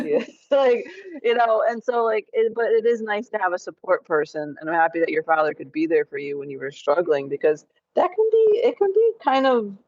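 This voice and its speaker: A woman hosting a podcast interview in a casual way, hesitant with many restarts and quick affirmations. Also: mid-range voice, a little mellow, no room sound. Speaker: podcast host. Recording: slightly dull, dry sound.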